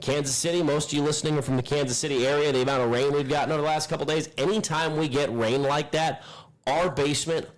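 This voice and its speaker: A man in his thirties co-hosting a casual home podcast at a kitchen table, talking in an animated, rambling way with many restarts. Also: a little high, fast talker, rough recording. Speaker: podcast co-host. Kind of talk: casual chat.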